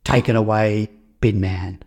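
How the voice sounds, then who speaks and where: A man's voice: on the low side, steady tone, a little slow, darkish tone. An Australian man reading a scripted introduction as the host of a sports podcast.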